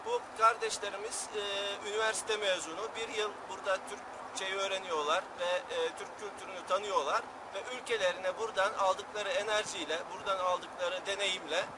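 A man in his thirties explaining his student group in an interview, with measured, hesitant phrasing. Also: high voice. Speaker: group leader of a student programme. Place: outdoors in a sunny town square. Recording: noisy outdoor street recording with vehicles.

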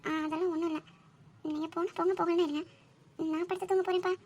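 A woman's voice: extremely high pitch, level tone, quick pace, darkish tone. A woman voicing a sleepy, stubborn young heroine in a cartoon who brushes people off in an exasperated, chatty way. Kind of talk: cartoon voice acting.

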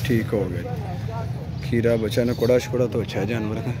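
A man hosting a casual walkthrough of an outdoor livestock market, briskly repeating prices back with upbeat sales patter. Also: mid-range voice, fairly even intonation. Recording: noisy outdoor market with traffic.

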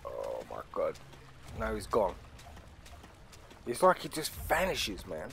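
Playing a horror game, a British man delivers casual let's play commentary full of slang and swearing, jokingly threatening his viewers. His fairly low, gravelly, slightly bright voice swoops wildly in pitch as he takes things slowly. Faint horror game ambience sits behind him.

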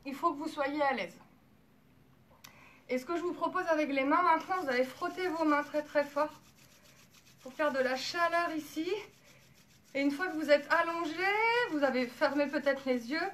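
A woman leading a children's yoga class, calling out in a sing-song voice and guiding gently when the children rest. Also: high voice, slight background noise. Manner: animated, sing-song calls to young children; soft, slower guidance while children lie down. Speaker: kids' yoga teacher.

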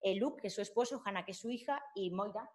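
A woman's voice: mid-range voice, fast, darkish tone. A woman gives an academic talk with slides, speaking informally with many fillers and restarts. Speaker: lecturer at a summer course.

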